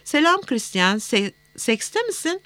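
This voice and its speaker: A woman's voice: fairly high pitch, big pitch swings, slow, a bit bright, no room sound, pitched above the performer's own voice, full character voice. A woman reading the lines of a brash, teasing young man in an audiobook. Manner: teasing, playful.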